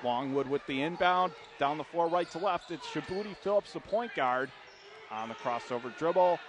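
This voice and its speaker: A man with a fairly high-pitched voice calls live radio basketball play-by-play at normal speed from an indoor college arena, speaking in clipped running phrases and punching up the big plays. The courtside gym broadcast is noisy, with gym sounds and a bouncing basketball in the background.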